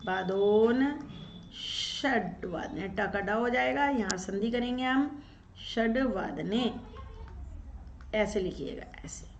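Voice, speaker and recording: A woman's voice: mid-range voice, lively intonation, slow, reverberant, slight background noise. A woman teacher going through an exam paper, asking questions and answering them herself, step by step. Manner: explains step by step, asks and answers her own questions. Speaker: Sanskrit teacher. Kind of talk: exam-paper walkthrough lesson.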